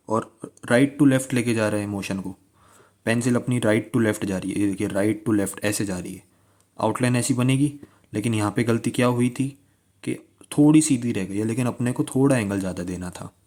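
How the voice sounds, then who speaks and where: A man's voice: medium pitch, a little mellow. A man teaching shorthand strokes, repeating key words and asking listeners to pronounce along. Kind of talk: classroom-style tutorial.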